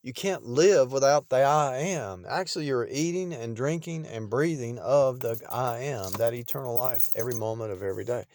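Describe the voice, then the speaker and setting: A middle-aged man talking in an unscripted, rambling preaching monologue, repeating phrases and restarting sentences, often dropping in loudness. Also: mid-range voice, normal speed, few pauses, dry recording.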